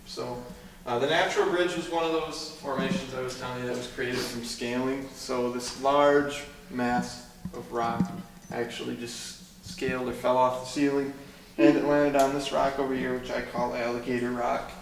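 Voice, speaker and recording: A man gives an informal guided tour, explaining each feature in an even, little-varying voice. Heavy cave echo surrounds him, and he is picked up from well away from the microphone. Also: mid-range voice, moderate pace. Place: inside a cave. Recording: echoing cave, distant mic, clear noise.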